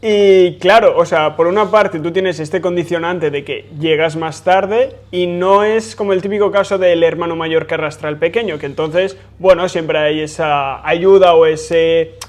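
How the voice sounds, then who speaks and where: Male podcast host, a bit high-pitched, friendly and conversational. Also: a little slow, hardly any pauses. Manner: friendly, asks long framed questions. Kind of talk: conversational interview hosting.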